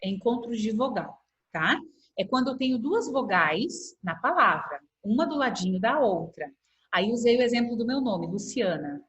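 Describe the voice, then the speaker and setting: A middle-aged woman with a Brazilian accent, a primary school teacher giving a patient online class and slowly stretching out words to show how they split. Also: fairly high pitch, animated, a bit bright, slight background noise. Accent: Brazilian Portuguese. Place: home room on a video call. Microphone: laptop mic on video call. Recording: echoey video-call audio.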